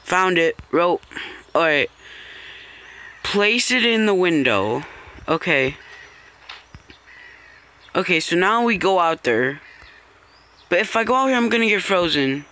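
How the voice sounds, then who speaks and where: Male gamer for casual let's play narration: bright, high voice, hesitant, thinking aloud. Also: expressive, slow pace, pauses often, clear, resonant tone. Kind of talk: casual gameplay commentary.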